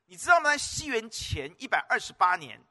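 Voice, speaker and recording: A male pastor delivers a sermon in a high, bright voice that swoops up and down. He presses his points hard, repeats words and keeps asking the congregation questions. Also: sing-song, fairly quick.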